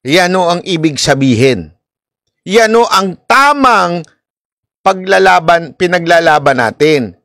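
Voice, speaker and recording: A man's voice: sits high, expressive, slow, a bit bright, no room sound, clean studio sound. A man from the Philippines giving casual, chatty political commentary, laughing often and talking straight to his viewers.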